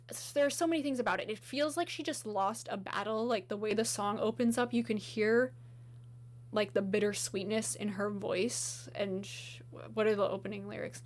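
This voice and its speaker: Gushing woman, slightly hoarse. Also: mid-range voice. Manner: gushing, enthusiastic, filler-heavy. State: slightly hoarse, losing her voice. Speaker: video host. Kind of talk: casual music ranking chat.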